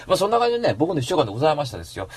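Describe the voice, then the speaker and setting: Husky fast-talking male radio host. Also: fairly high pitch. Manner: animated, slangy, bursts into mock-angry rants. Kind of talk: casual rambling monologue.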